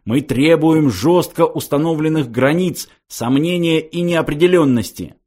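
A man voicing a hotheaded younger male philosopher who shouts his demands belligerently. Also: a little high, expressive, takes it slowly, voice pushed up. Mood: shouting.

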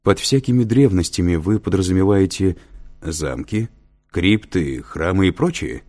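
A man's voice: sits low, expressive, unhurried, a little mellow. A man reading an audiobook, voicing a patient male professor who explains and lectures with dry humor. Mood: lecturing. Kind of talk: audiobook character voice.

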